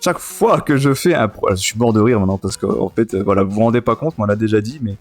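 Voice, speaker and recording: A podcast and web radio host in his thirties chats casually and enthusiastically, reminiscing about retro gaming and often repeating himself. He talks fast in a lowish voice, with faint music in the background.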